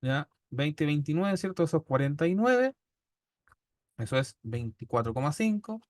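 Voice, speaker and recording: A man with a Chilean Spanish accent gives a statistics lecture, walking through each step patiently and constantly checking in with "¿ya?". His voice sits on the high side, expressive and a little mellow, at a moderate pace. The studio-quality recording has no echo.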